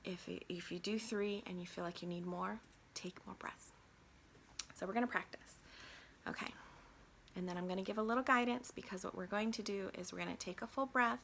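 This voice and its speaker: A woman life coach guiding a grounding and breathing exercise, encouraging and often sliding into a soft half-whisper. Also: medium pitch, creaky, a little hiss or hum.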